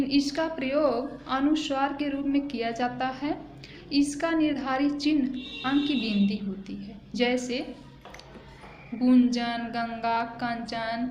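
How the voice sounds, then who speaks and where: A woman school teacher from eastern Uttar Pradesh giving a grammar lesson to children, explaining slowly and checking in with them often. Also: a little high. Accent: eastern Uttar Pradesh Hindi. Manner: slow, explaining, repeats and asks "है ना". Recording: echoey room with faint noise.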